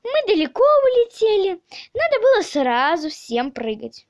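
A woman's voice: extremely high pitch, very animated, a little slow, dry recording, lo-fi sound, pitched above the performer's own voice, full character voice. A woman voicing a grumpy, scornful little grumbler in a storybook reading. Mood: grumbling. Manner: grumbling, mocking.

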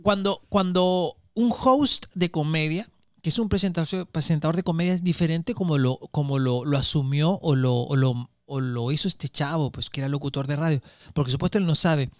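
High-voiced man telling comedy-club stories. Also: moderate pace, no room sound, clean studio sound. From Chile. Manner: acts out crowd voices and hecklers, animated storytelling, heavy slang. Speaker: stand-up comedian guest. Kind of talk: casual podcast chat, telling anecdotes.

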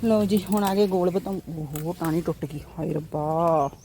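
A woman's voice: fairly low pitch, normal speed. A woman with a Punjabi accent chatting casually to viewers in an outdoor vlog, with dramatic exclamations and sing-song repeated phrases. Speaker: vlogger. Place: outdoors in a vegetable field. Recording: faint outdoor farm background noise.

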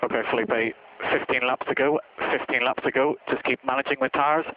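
A man speaks as a race engineer over race car radio. He gives short, repeated instructions at a quick pace, and the transmission sounds slightly dull. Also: medium pitch, fairly even intonation, slight background noise. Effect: team radio transmission.

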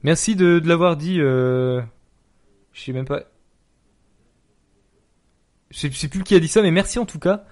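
A man streaming a horror game live, talking casually, excitable and jumpy, swearing and laughing often. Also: fairly high pitch, moderate pace, pauses often. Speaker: streamer playing horror games.

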